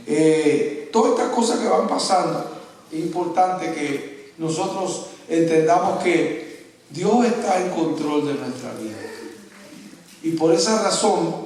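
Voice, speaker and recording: A man's voice: sits high, a little mellow. A man preaching a sermon as pastor, telling stories, calling the listeners brother and acting out the people he quotes. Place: church. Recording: echoey church hall, voice from far off the mic.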